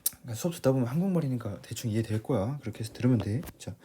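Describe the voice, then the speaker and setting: A man's voice: medium pitch, animated, rapid-fire, dark tone, husky. A man teaching English reading in a casual lecture, talking plainly to his students, often rephrasing and checking in with them.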